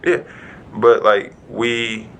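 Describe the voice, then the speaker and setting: Male podcast co-host, gravelly and sharp-toned, low pitch, rambling delivery. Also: flat delivery, drawn-out words, a little hiss or hum, rough recording. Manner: rambling storyteller, heavy "like" fillers. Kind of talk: casual chat.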